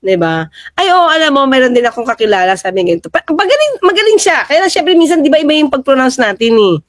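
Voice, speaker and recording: A woman's voice: high voice, very animated, quick pace, no echo. A Filipino woman hosting a casual livestream, chatting about the news and thanking viewers by name. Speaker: livestream host reading viewer comments.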